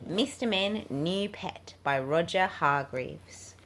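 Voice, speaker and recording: Reading a children's picture book aloud for her channel, a woman narrates slowly and expressively. Her voice is fairly low in pitch yet fairly bright in tone, captured in a clearly noisy home recording.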